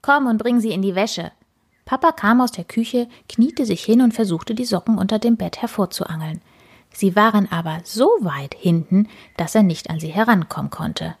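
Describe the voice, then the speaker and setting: A woman softly whispering a children's story as narrator, in a hushed, gentle way. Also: medium pitch, moderate pace, vocal fry, slightly rough. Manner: soft, hushed.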